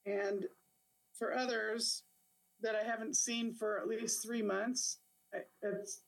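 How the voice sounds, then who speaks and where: A woman committee member giving her opinion in a meeting, speaking deliberately and firmly. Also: on the high side, flat delivery, poor audio. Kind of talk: meeting discussion.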